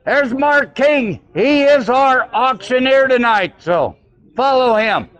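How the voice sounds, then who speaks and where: A man's voice: extremely high pitch, expressive, slow, a bit bright, lo-fi sound. A man acting as emcee at a live event, making casual announcements in a folksy, joking way.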